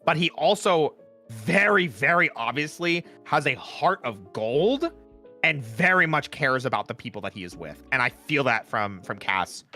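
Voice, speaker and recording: A man hosting a casual chat, excitable and playful, quick to agree. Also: medium pitch, faint music behind. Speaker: host.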